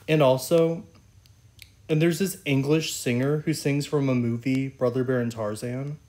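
A YouTube channel host with a dark, mid-range voice rambles casually and enthusiastically about singers, sprinkling in plenty of "like" and "oh my gosh".

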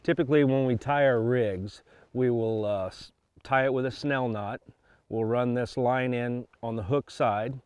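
A man who fishes catfish tournaments, calmly explaining his rig step by step from a boat. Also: mid-range voice, a little slow, clean tone, no room sound. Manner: steady, practical instructional talk. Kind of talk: casual how-to demonstration. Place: open boat on a reservoir.

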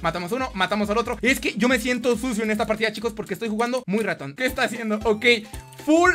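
A young man with a Mexican accent doing excitable, playful gameplay commentary, talking straight to his viewers. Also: very high-pitched, quick pace, faint music behind. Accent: Mexican Spanish. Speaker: gaming YouTuber.

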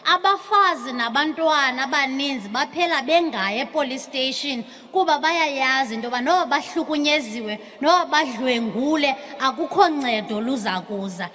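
A South African woman in her thirties delivering a forceful speech at the podium of a large parliamentary chamber, slipping into isiXhosa. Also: high voice, a little hiss or hum. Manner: forceful oratory, switching into isiXhosa. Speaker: opposition chief whip. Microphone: podium microphone. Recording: broadcast feed with long hall reverb.

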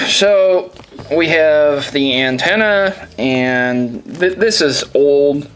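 A man's voice: a little high, very slow, a bit bright, clear, resonant tone. A man hosting a video, making casual, profane jokes about old manual pictures and laughing at his own remarks. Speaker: video host. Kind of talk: casual commentary on a game console manual.

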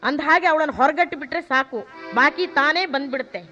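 A sharp-tongued scheming wife with a high, bright voice and sarcastic quips. She drops proverbs as she talks. The recording is dull and lo-fi. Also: animated, a little fast, faint music behind.

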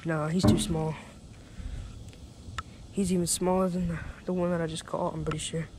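A man's voice: fairly high pitch, flat delivery, normal speed. Laid-back young man vlogging outdoors. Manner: laid-back, chatty, says "dude" and "bro" a lot. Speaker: fishing vlogger. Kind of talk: casual outdoor vlog narration. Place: outdoors by a small pond. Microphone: head-mounted action camera. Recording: outdoor camera mic with wind and ambient noise.

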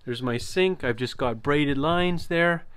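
A man giving a relaxed walkthrough of his trailer build, explaining as he goes with some fillers. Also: a little high, takes it slowly, clean tone, dry recording. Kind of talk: casual walkthrough tour. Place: inside a converted cargo trailer.

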